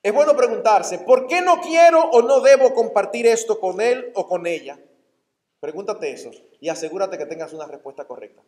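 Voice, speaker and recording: A pastor preaches to a conference crowd, his voice sitting high for a man. He talks in a chatty way, acting out everyday exchanges. The sound rings around a big echoey church hall. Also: lively intonation, normal speed, darkish tone. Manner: conversational preaching, acting out dialogues. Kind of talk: conference sermon. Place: church sanctuary.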